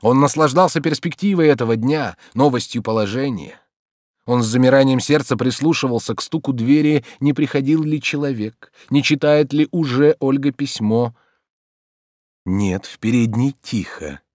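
A man reading a classic novel aloud as an audiobook narrator, in an expressive, measured way. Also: mid-range voice, dry recording, clean studio sound.

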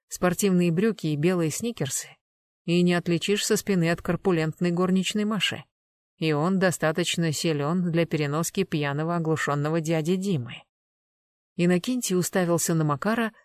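A narrator reading a crime novel aloud in a steady storytelling manner. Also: medium pitch, no room sound. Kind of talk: audiobook narration.

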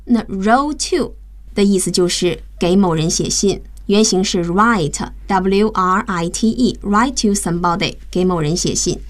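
A woman teacher leads a bilingual radio English lesson. Her voice sits at an ordinary middle pitch, and she explains each word patiently, step by step, often spelling it out letter by letter. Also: a little slow.

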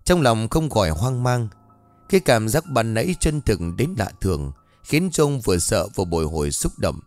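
A man narrating a scripted ghost story in an expressive, dramatic reading. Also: fairly low pitch, moderate pace, no echo. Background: faint background music.

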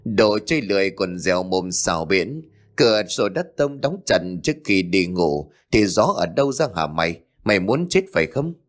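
A man voicing a tyrannical, quick-tempered old landlord who scolds and barks at his servant. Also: low-pitched, big pitch swings, faint music behind. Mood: furious. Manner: scolding, barking.

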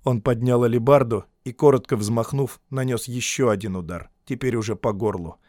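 A man narrating an audiobook in a steady, dramatic reading voice. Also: medium pitch, moderate pace, no room sound, clean studio sound.

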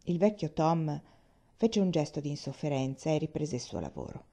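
Calm woman narrating a storybook. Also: low-pitched, moderate pace. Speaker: reader. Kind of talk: audiobook narration.

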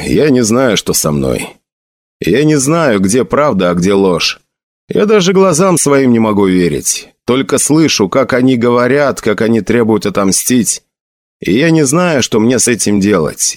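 A man's voice: fairly low pitch, very animated, unhurried, dry recording. A man voicing a haunted young nobleman, shaken and vengeful, speaking in a tense, trembling voice. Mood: despairing.

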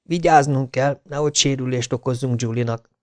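A man's voice: medium pitch, no echo, pitched above the performer's own voice, lightly acted. A man voicing a desperate grown man in an audiobook, speaking urgently and lifting his voice in distress. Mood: straining. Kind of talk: audiobook character reading.

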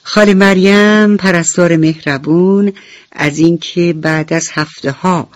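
A woman telling a bedtime story on radio, talking gently and addressing the children directly. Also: lowish voice, fairly even intonation, no echo. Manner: gentle, talks warmly to children. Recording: dull radio recording with faint music.

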